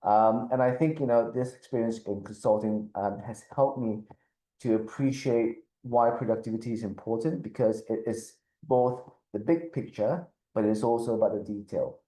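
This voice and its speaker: A middle-aged man from Malaysia, a business school dean, giving a measured webinar talk and often repeating words as he thinks. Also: mid-range voice, mellow, echoey room, poor audio. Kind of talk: webinar presentation.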